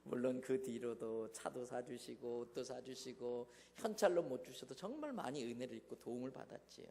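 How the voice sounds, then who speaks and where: A man preaching a revival sermon as a guest pastor, telling a personal story with dramatic swings from hushed asides to loud exclamations. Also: mid-range voice, normal speed, gravelly. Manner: dramatic, swings from hushed to shouting in acted quotes. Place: church sanctuary. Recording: long church hall reverb.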